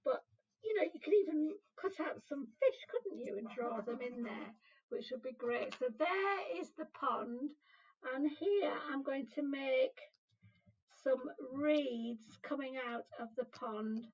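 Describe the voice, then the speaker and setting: A woman with a British accent presenting a craft session for small children, talking in a gentle sing-song way with simple questions, as if reading to a toddler. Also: sits high, expressive, slow. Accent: British English. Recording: slightly dull lo-fi sound.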